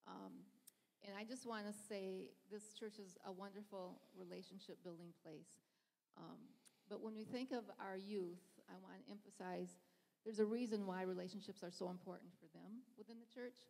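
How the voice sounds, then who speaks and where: A middle-aged woman giving church ministry announcements from the stage on a handheld mic, earnest and halting with lots of ums. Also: mid-range voice, fairly even intonation, gravelly, warm tone. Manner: earnest, hesitant, frequent ums. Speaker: children's ministry leader. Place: church stage, large sanctuary. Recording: long hall reverb in a sanctuary.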